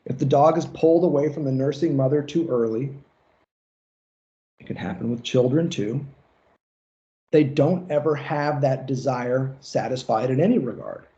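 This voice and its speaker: A man's voice: mid-range voice, moderate pace, warm tone, highs cut off. A man giving a recorded lecture on psychoanalysis in a casual, conversational way, with loose asides and the odd swear word. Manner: casual, conversational, profane, fillers like "like".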